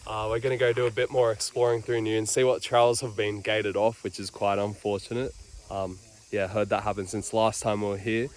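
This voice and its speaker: A man's voice: on the low side, flat delivery, a little fast. An Australian man chatting casually to camera outdoors on a camping trip, easygoing and rambling with loose, trailing sentences. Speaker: vlogger on a four-wheel-drive camping trip. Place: outdoors in the bush.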